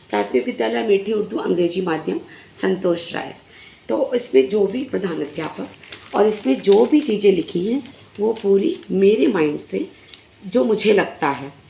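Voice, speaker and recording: A middle-aged primary school teacher, her throat hoarse but recovering, explains things casually and earnestly to fellow teachers while filming in selfie mode on a phone. Her lowish, slightly mellow voice pauses often with fillers, and the echoey room adds a little hiss or hum.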